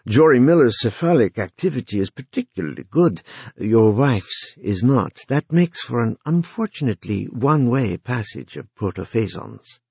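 A man's voice: medium pitch, expressive, moderate pace, creaky, a little mellow, husky, dry recording, voice pushed up. A man voicing a stilted, formal mortuary owner who explains things in a placating manner. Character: stilted male mortuary owner, smooth, bureaucratic.

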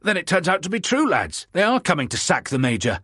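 A man playing an excitable, muddle-headed convict. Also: sits high, a little fast, husky, dry recording, clean studio sound, pitched above the performer's own voice, exaggerated voice. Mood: excited.

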